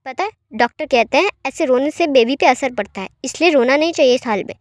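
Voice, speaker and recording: A woman's voice: high voice, lively intonation, no room sound, clean studio sound. A woman voicing a doting, teasing young man who speaks fondly and reassuringly, in a fan-fiction story reading. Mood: soothing. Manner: fond and reassuring, sometimes quick.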